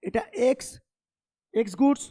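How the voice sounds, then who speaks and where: This commerce tutor has a very high yet dark-toned voice and sounds very animated during his informal classroom lecture. Chatty and teasing with his students, he often asks quick questions to make sure they follow.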